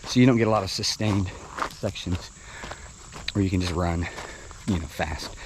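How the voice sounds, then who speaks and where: A man's voice: low voice, normal speed. A man talking casually and out of breath while running outdoors in a park, recorded on an action camera. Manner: chatty, casual, with fillers. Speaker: vlogger. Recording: outdoor camera audio with insect noise.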